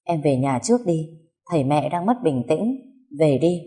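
A woman voicing a young husband who softly urges his wife to go home. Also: deep voice, lively intonation, moderate pace. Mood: urging.

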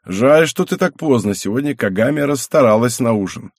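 A man voicing a cheerful, hospitable old man in an audiobook, speaking in an unhurried, genial way. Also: medium pitch, lively intonation, no echo, clean studio sound.

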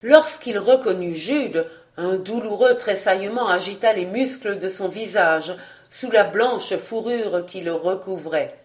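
A volunteer reader narrating a classic novel as an audiobook in a steady, expressive way. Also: mid-range voice, unhurried.

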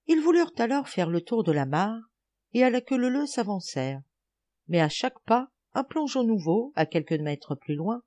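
Expressive woman reading a storybook. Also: fairly low pitch. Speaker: audiobook reader. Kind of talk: literary audiobook narration.

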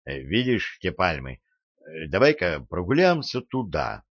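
Smooth-talking lying young man, read by a man, eager, persuasive, low voice, slow, dry dull audiobook sound. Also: very animated, no echo, exaggerated voice.

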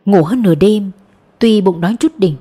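A woman narrating a novel as an audiobook, reading in a steady, even manner. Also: medium pitch, moderate pace, breathy edge. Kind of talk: storybook narration.

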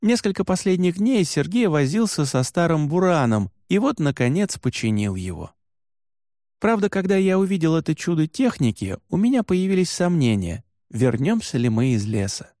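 A man narrating a first-person travel story as an audiobook, calm and storytelling, with expressive intonation, on a close studio mic. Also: fairly high pitch, moderate pace, no room sound.

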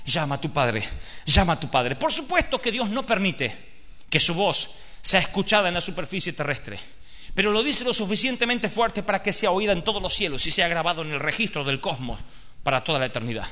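A man's voice: high voice, expressive, a little fast, sharp tone. A man preaching a sermon as dramatic storytelling, theatrical and emphatic, speaking straight to his audience. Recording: echoey hall.

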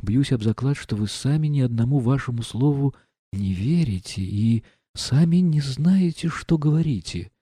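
A male reader voicing a gentle, earnest young prince in an audiobook, pleading and sincere. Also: medium pitch, expressive, moderate pace, breathy edge, dry recording, studio quality, pitched above the performer's own voice. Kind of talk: audiobook reading.

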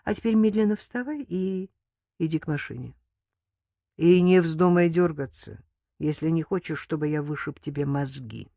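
A woman voicing a loud, menacing gunman. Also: fairly high pitch, normal speed, vocal fry, no echo, clean studio sound. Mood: harsh, commanding. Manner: barking orders, loud. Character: menacing armed young man, cold and commanding.

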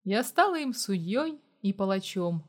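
A woman narrating a first-person story in a steady, even delivery. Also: mid-range voice, normal speed.

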